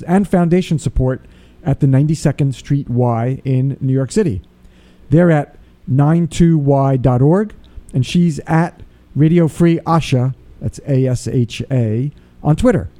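A man's voice: on the high side, warm tone. A man hosting a podcast in a studio, introducing his guest and asking brief questions. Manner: brisk, with short acknowledgements. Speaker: podcast host. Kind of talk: interview.

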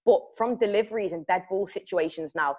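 A woman's voice: medium pitch, a little fast, darkish tone, dull audio. A woman hosting a club podcast, asking players chatty questions and laughing easily between them. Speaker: podcast host.

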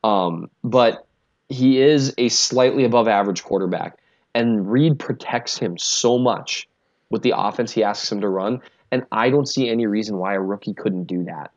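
A man's voice: fairly low pitch, normal speed, dull audio. A man from Minnesota with a Minnesotan accent, chatting casually as a podcast guest, talkative and self-deprecating. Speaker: guest analyst.

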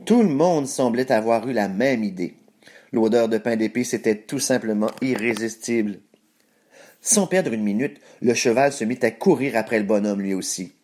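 A man reads a children's fairy tale aloud with an expressive, very animated voice. His tone is mellow and warm, and his pitch is in the middle. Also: normal speed. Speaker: storyteller. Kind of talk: scripted children's story narration.

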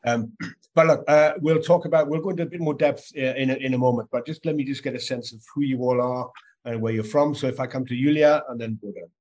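A man with a slightly husky voice hosts a podcast interview over a video call. He talks in a friendly, lightly joking way and pauses on fillers as he gathers his thoughts. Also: medium pitch, steady tone, darkish tone, dull audio.

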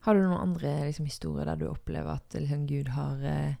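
A young woman with a low-pitched voice and a gravelly, creaky edge. She hosts a relaxed conversation about faith. She tells stories loosely, full of fillers and little restarts. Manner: storytelling with many fillers.

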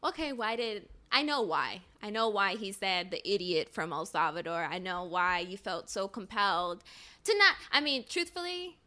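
A woman co-hosting a podcast and recounting an anecdote in a relaxed, conversational way. She leans on "like" and "you know" and slips in short laughs. Her voice is bright and forward at a middle pitch. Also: normal speed. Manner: chatty, many "like" fillers, laughs between phrases. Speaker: podcast co-host. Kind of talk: casual conversational storytelling.

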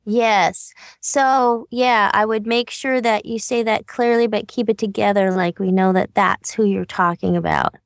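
A woman's voice: medium pitch, fairly even intonation, unhurried, few pauses, no echo, clean studio sound. A woman coaching a voice actor on a podcast, giving encouraging feedback and asking questions. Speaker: voice-over coach.

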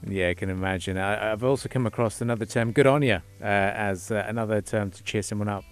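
A man hosting a conversational interview, phrasing his questions hesitantly with frequent pauses mid-sentence. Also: lowish voice, smooth, soft background music. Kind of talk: conversational radio-style interview.

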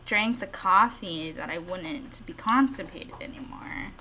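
A woman's voice: medium pitch, a little slow, sharp tone, slight background noise. A young woman co-hosting a casual podcast, giggly and rambling, with lots of filler words. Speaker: podcast co-host. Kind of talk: casual chat.

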